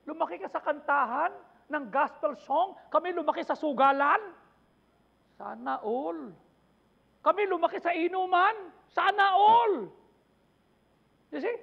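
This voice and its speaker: Man, pastor, impassioned sermon, high voice, gravelly, muffled church recording. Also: brisk. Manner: impassioned preaching mixing Tagalog and English, repeated rhetorical questions.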